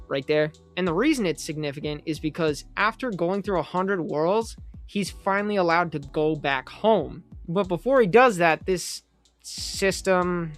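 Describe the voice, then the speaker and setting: Young man, higher-pitched voice, casual rambling review talk, animated asides, faint music underneath. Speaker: manga reviewer.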